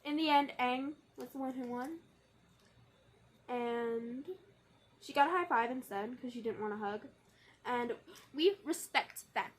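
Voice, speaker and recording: A young woman chatting playfully to camera as a vlogger, full of quick asides and jokes, swinging between lively bursts and low, mumbled stretches. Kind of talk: casual chat to camera.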